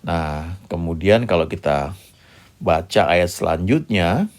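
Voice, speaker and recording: A man's voice: low-pitched, animated, slow. A man preaching a sermon, explaining patiently and checking in with his listeners with little "ya" asides.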